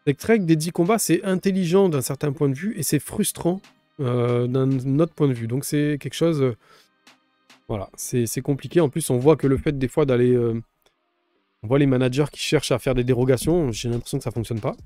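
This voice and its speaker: Male podcast host, dark mellow tone, rambling enthusiastic delivery, dry close sound. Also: medium pitch, a little fast, no echo, faint music behind. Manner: rambling, restarts often, enthusiastic about fighters. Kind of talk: casual solo commentary.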